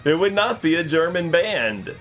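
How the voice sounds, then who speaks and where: A man's voice: a little high, sing-song, moderate pace, fairly bright tone, soft background music. A man from America, a game streamer, chatting casually and rambling with many fillers while he plays. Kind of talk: casual chat while gaming.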